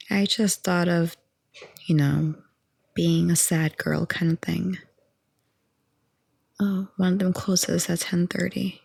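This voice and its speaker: A young woman in her twenties rambles in a calm, soft-spoken ASMR chat, laughing lightly now and then. Her voice sits a bit low, husky and full of vocal fry. It is recorded close up and dry. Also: no room sound. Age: 20s. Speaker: ASMR audio creator.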